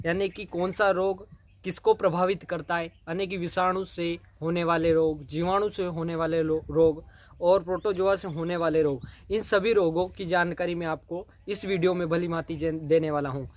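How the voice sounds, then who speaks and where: A man's voice: high voice, fairly even intonation, moderate pace. A man teaching an exam-prep lesson, who keeps asking and answering his own questions. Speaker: coaching teacher.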